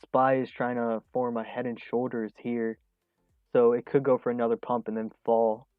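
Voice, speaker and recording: Reading viewer questions from chat on his trading stream, this roughly twenty-year-old man speaks at a moderate pace in a mid-range, easygoing voice full of ums and small laughs. Faint music plays underneath, and the dry, echo-free audio has a thin, phone-like quality.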